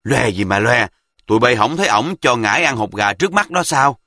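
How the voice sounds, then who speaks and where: A man's voice: medium pitch, lively intonation, brisk, sharp tone, no echo, studio quality. A man voicing a tearful, fretful middle-aged mother with a Southern Vietnamese accent.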